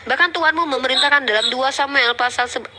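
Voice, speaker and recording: Loud combative woman. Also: sits high, fast, a little hiss or hum. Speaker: debater. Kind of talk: heated religious debate.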